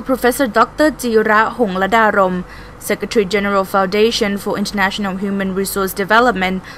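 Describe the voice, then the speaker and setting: A woman's voice: medium pitch, a bit bright. Thai-accented woman reporter over background noise. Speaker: news reporter. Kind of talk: scripted news narration.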